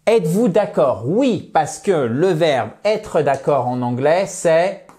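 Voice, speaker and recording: A man teaching English in a video lesson, saying English phrases slowly and clearly and explaining their pronunciation. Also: fairly high pitch, lively intonation, warm tone.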